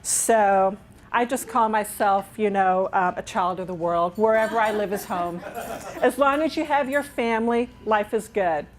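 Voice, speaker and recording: Speaking in an unhurried, mid-range voice, a middle-aged woman from England presents a nurse education talk at a conference, set in a dining room with large windows. She has no discernible accent and keeps things upbeat and chatty, frequently inviting the audience's agreement.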